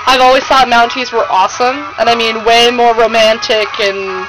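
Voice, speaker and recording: Casting: American female vlogger, high voice, gushing and slangy, informal monologue over music. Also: flat delivery, moderate pace, poor audio. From United States. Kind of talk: casual chatty vlog monologue. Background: music playing.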